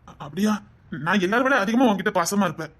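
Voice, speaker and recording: An actor voices a scheming young man from a Tamil web drama, speaking in a Tirunelveli accent. He wheedles and presses, always circling back to make sure he is understood. His tone is hushed and close, barely above a murmur. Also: high voice, animated, fast. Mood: sweet-talking. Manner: coaxing, insistent, keeps asking 'understand?'. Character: smooth-talking young man, manipulative, greedy blackmailer. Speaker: scheming boyfriend on a phone call.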